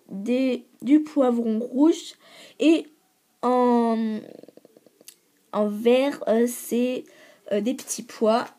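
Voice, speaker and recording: A teenage girl talks in a casual show-and-tell, stalling on fillers and repeating words as she searches for what to say. Her voice is slightly hoarse, pitched a little high and soft and mellow in tone. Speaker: video creator showing her polymer clay creations.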